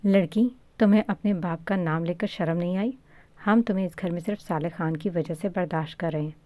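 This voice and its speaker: A woman's voice: lowish voice, steady tone, mellow, no echo, natural voice. A woman voicing a stern, scolding old male clan patriarch in a read-aloud story. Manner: harsh, scolding.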